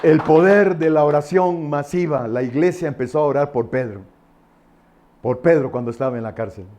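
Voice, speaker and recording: A man's voice: on the high side, moderate pace, darkish tone, a little hiss or hum. A male pastor giving a sermon with a personal testimony, emphatic and repetitive, with frequent fillers and tag questions.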